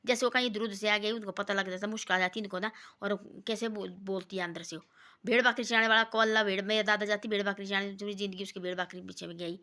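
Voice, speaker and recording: A woman tells casual moral folk stories in a rambling, repetitive way, lowering her voice whenever she quotes someone. Her mid-range voice is steady yet fast, bright, and forceful as she delivers her moral talks.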